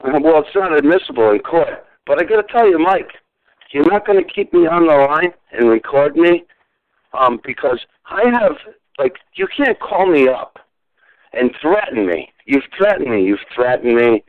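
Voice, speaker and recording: A man's voice: a little high, lively intonation, moderate pace. A man in his forties in a heated phone argument, furious, swearing and repeating himself over and over. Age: 40s. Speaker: call recipient. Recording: tinny phone line.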